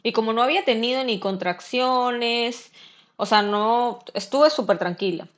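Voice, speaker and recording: A young woman, a podcast guest and first-time mother, telling a story in a casual, lively way and acting out what other people said. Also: fairly high pitch, unhurried. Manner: lively, acts out the dialogue of others.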